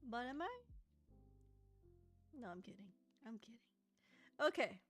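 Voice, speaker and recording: A young woman with a high, bright voice chats playfully as she works on a journal, giggling at her own jokes. Soft music plays faintly behind her. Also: lively intonation, a little slow. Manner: playful, giggly, sings snatches of songs. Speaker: journaling vlogger chatting with stream viewers. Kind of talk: casual chat while crafting.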